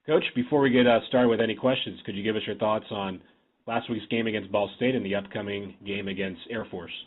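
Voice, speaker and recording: Man moderating a media call, formal polite, lowish voice, phone line. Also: steady tone, brisk.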